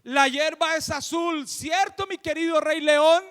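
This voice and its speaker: A man's voice: very high-pitched, expressive, unhurried, long reverb tail. A man voicing a stubborn, boastful male donkey in a spoken fable, who insists and repeats himself. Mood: pleading.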